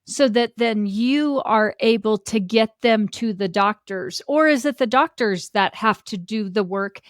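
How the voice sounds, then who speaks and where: A woman's voice: medium pitch, a little slow, clean tone, no room sound, studio quality. A woman hosting a podcast interview, asking long questions and affirming her guest often. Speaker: podcast host.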